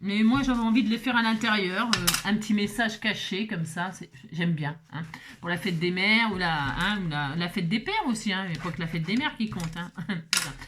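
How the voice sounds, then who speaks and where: Over a noisy background, a woman with a mid-range, animated voice hosts a casual home craft tutorial at a moderate pace. She chats as she works through each step, often checks in with the viewer, and fills pauses with plenty of fillers while thinking aloud.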